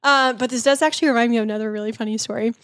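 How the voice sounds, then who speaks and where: Woman, late 20s, casual storyteller, filler-heavy, fairly high voice, dry sound. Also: steady tone, rapid-fire, a bit bright, no echo. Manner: chatty storytelling with constant "like" fillers. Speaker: podcast co-host. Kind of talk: casual chat.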